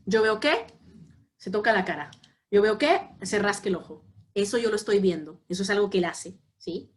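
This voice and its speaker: A woman's voice: mid-range voice, normal speed. Woman, psychology lecturer, class lecture, lots of examples, keeps checking in with students. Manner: explains with examples, often checks with "¿verdad?".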